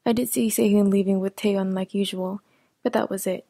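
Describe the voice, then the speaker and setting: A woman narrating a first-person audio story in an even, steady reading voice. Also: mid-range voice, moderate pace, no echo.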